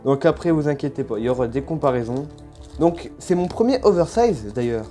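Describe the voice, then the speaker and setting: A man giving casual, excited unboxing commentary, gushing and exclaiming often with lots of slang, recorded on a phone. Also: medium pitch, fairly quick, soft background music. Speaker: toy unboxing vlogger.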